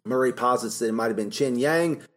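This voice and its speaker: A man's voice: medium pitch, a little fast. A man co-hosting a podcast, talking casually about a film and filling his talk with "you know" and laughs. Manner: rambling, with many fillers and laughs. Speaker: podcast co-host.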